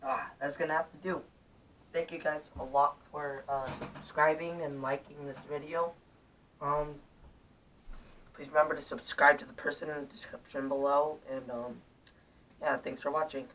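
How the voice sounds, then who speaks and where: A young man chatting casually and haltingly to viewers as a vlogger, recorded indoors on a camera a few feet away. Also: flat delivery, fairly bright tone. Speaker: vlogger hosting a challenge video. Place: bedroom, indoors. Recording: distant camera mic, rumbly background noise.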